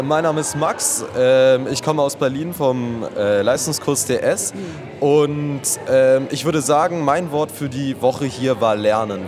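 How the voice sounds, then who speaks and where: A young man answering interview questions casually and enthusiastically, with many fillers. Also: medium pitch. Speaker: festival participant. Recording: crowd chatter at a busy event.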